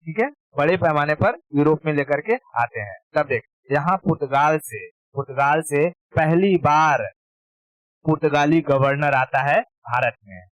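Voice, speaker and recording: A man teaching a casual exam-prep history lecture, his voice sitting a little high. He talks informally, drills names by repeating them and keeps asking if students follow. The sound is close and dry, with almost no room. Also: unhurried, dry recording, lo-fi sound. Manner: informal, repeats key terms and checks understanding.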